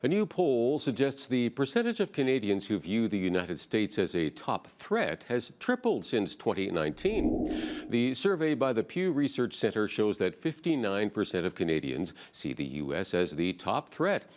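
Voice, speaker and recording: A man's voice: lowish voice, big pitch swings, moderate pace, darkish tone. A man reading the news as a newscast anchor.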